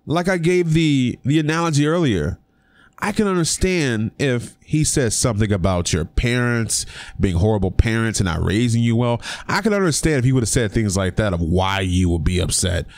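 A man's voice: medium pitch, animated, normal speed, dry recording. A young man talking casually on his own vlog, giving his opinion with emphatic rhetorical questions. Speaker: sports commentary vlogger. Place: indoor room.

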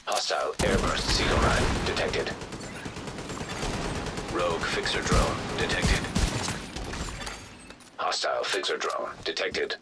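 A deep metallic AI system voice. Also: male voice, slow, long pauses, loud music behind the voice. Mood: cold. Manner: flat, clipped system announcements. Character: synthetic male AI system voice, cold, announcing. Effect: metallic robotic filter. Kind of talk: game system announcer.

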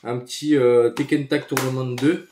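A man casually showing off his retro game finds, relaxed and hesitant with many fillers. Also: mid-range voice, normal speed. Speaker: retro game collector YouTuber. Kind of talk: casual show-and-tell commentary. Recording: echoey room, faint noise.

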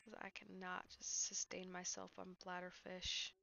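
A tired woman casually commenting on her gameplay late at night, talking to herself between yawns and often dropping to a breathy near-whisper. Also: on the low side, monotone, a little slow, highs cut off, a little hiss or hum. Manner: sleepy, yawning, quiet and breathy at times. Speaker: game streamer.

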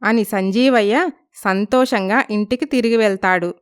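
A woman narrating a storybook in a clear, even reading voice. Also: medium pitch, moderate pace.

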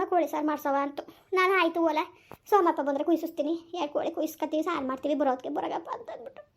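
A woman playing a distraught older village mother in a family drama, wailing and scolding in quick rural speech. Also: very high-pitched, gravelly.

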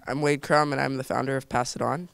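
Earnest teenage boy, smooth clear voice. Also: mid-range voice, level tone, fast, fairly bright tone, no echo. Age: teens. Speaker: nonprofit founder. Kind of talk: earnest panel talk. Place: indoor room. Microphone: handheld microphone.

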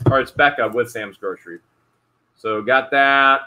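A man in his thirties hosts a casual live-stream auction of storage-unit finds from a small indoor room with a wall of hats behind him, chatting, hyping the bids, and repeating numbers. His medium-pitched voice is bright and forceful at a measured pace. The highs are cut off, with slight background noise.

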